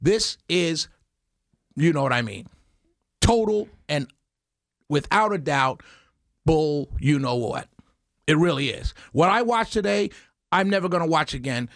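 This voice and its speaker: A radio talk show host ranting with fiery indignation, swinging between loud outbursts and low mutters. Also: male voice, expressive, a little slow, pauses often, no room sound, studio quality. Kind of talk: impassioned talk radio rant. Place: radio studio.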